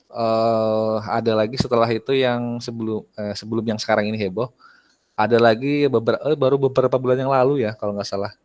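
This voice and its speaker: A man teaching an online class, talking casually, asking his students questions and often clearing his throat. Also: fairly low pitch, a little mellow, dry recording.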